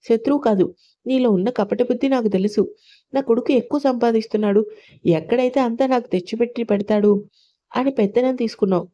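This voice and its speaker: A woman's voice: on the high side, brisk, close to an everyday voice. A woman doing a bitter accusing mother-in-law. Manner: accusing, sharp rebukes. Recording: dull lo-fi recording.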